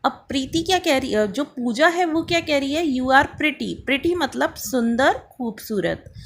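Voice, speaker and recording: Woman teacher for a beginner language lesson, slightly high voice, slow patient spelling drills, faint hiss behind. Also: lively intonation, a bit bright. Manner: slow, spelled-out drill words, prompting students to repeat. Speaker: English teacher. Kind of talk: beginner English lesson explained in Hindi.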